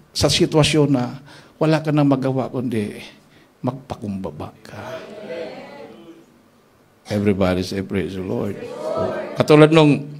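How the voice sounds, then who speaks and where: A man preaching at a church worship service, telling stories in an animated way and acting out the dialogue. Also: medium pitch, husky. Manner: animated storyteller who acts out dialogue. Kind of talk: storytelling sermon.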